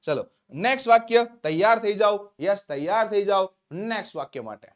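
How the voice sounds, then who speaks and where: A man with a Gujarati accent leads a live-streamed spoken English lesson, his voice sitting a little high. He is upbeat and encouraging, slowing right down to draw out each English phrase as he dictates it. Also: animated, clear, resonant tone. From Gujarat, India.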